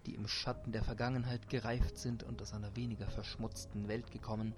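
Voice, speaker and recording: A man voicing a brutal, greedy man who talks in a low, sneering, menacing way. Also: flat delivery, fairly quick, natural voice. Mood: sneering whisper.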